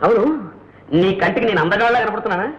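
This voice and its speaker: Casting: a playful, self-deprecating husband, quick and high, on a dull vintage soundtrack. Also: male voice, fairly even intonation, a bit bright. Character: self-mocking plain-looking husband. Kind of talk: 1970s Telugu film dialogue. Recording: muffled old film soundtrack.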